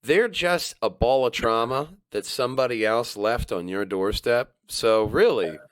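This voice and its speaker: A man's voice: mid-range voice, unhurried, dry recording. Laid-back man joking on a dry mic. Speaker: podcast co-host. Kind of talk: casual podcast chat.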